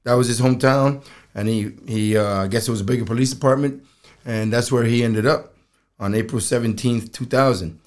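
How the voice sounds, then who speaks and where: A man talks casually as a solo podcast host. His voice is rough and strained, with frequent throat clearing. He tells his story plainly, in halting phrases with pauses. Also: medium pitch.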